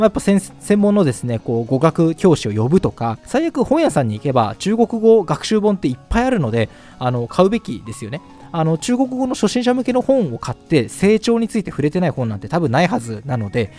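A man's voice: a little high, darkish tone. A man with Japanese as his first language, hosting a casual language-learning talk, chatty with many fillers and polite asides. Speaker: Chinese language course host. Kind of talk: casual explanatory monologue.

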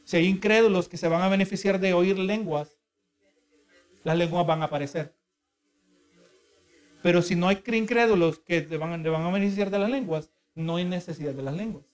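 A man's voice: high voice, moderate pace, long pauses. A male preacher giving a sermon, earnest and explanatory, who keeps asking the congregation for agreement. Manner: asks the congregation for agreement again and again; earnest, explanatory, with repeated restarts.

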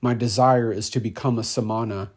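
A man voicing a calm, resolute young seeker in a storybook reading, speaking quietly and firmly. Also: mid-range voice, brisk, close to an everyday voice.

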